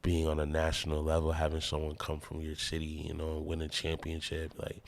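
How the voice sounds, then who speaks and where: Very deep, flat-voiced man from the Midwest. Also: a little fast, gravelly, slight background noise. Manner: loose, rambling, laid-back. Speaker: musician guest. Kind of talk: casual podcast chat.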